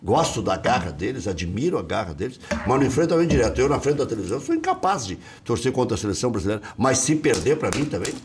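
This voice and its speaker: Brief: outspoken commentator man in his fifties, very expressive, faint noise behind. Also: mid-range voice, fast, few pauses. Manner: blunt, outspoken. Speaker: sports commentator. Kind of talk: talk show debate.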